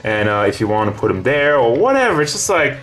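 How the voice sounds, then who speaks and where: A man's voice: mid-range voice, sing-song, quick pace, fairly bright tone. A man reviewing a toy figure in a casual, rambling way, hot and out of breath, with faint music behind him. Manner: rambling, casual, self-correcting.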